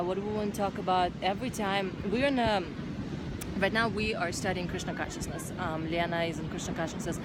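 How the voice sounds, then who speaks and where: Woman on a noisy beach. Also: fairly low pitch. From Uzbekistan. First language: Russian. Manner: thoughtful, hesitant with many fillers. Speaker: vlog host. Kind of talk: casual chat. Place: outdoors on a beach. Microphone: handheld phone camera. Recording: loud outdoor beach noise.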